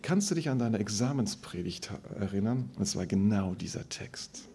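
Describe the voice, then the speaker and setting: A man's voice: lowish voice, lively intonation, moderate pace, dark tone, husky. A man who is a pastor, preaching a sermon and telling stories about himself with self-mocking humor.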